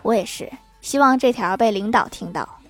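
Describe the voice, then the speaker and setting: A woman's voice: on the high side, moderate pace. A woman hosting a casual comic audio show, reading listener messages aloud in a playful way and laughing along.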